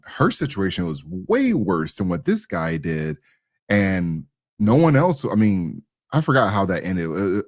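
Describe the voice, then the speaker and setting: A man's voice: low-pitched, no echo, studio quality. A man giving casual, opinionated commentary as a co-host, slangy and rambling, often repeating his phrases. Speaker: talk show co-host.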